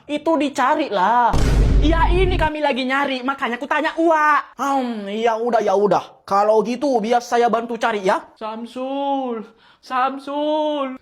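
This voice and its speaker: A young woman acting out comic sketches and switching quickly between characters. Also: high voice.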